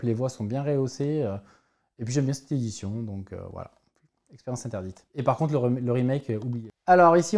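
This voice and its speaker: A man's voice: mid-range voice, dark tone. A man in his forties hosting a casual review vlog of his film collection, rambling, correcting himself and hesitating often. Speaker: film collector and channel host.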